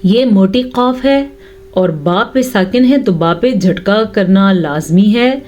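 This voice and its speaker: A woman teacher gives a recitation lesson in a slow, unhurried voice at a mid pitch. She explains each rule patiently and repeats sounds until they come out right. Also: lively intonation, darkish tone, highs cut off. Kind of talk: tajweed lesson.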